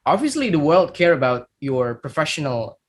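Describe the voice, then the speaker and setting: A podcast guest, a startup founder in his thirties from Indonesia, narrates his own life. His voice is on the high side with big pitch swings, delivered at normal speed. Speaking with an Indonesian accent, he is reflective and uses many fillers and repeated words.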